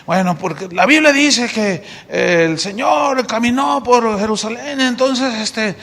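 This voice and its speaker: Male Mexican pastor, storytelling sermon, bright high voice, reverberant church hall. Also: measured pace. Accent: Mexican Spanish. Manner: lively storytelling, acting out dialogue.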